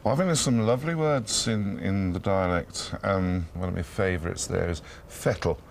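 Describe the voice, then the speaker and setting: A man's voice: low voice, normal speed, gravelly, slight background noise. A man, explaining dialect words in an interview, hesitant and repeating words as he goes. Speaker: dictionary author.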